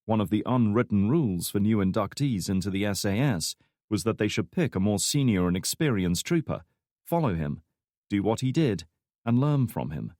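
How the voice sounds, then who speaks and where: Low-voiced man reading an audiobook. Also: expressive, moderate pace, a little mellow, no echo, clean studio sound. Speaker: audiobook narrator. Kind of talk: scripted narration.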